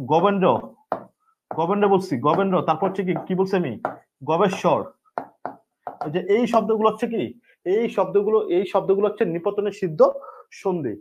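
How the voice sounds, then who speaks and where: A man with a Bangladeshi Bengali accent teaches an exam-prep grammar lesson, drilling spellings and answering his own questions. His voice sits high for a man. The audio is a bit dull and lo-fi.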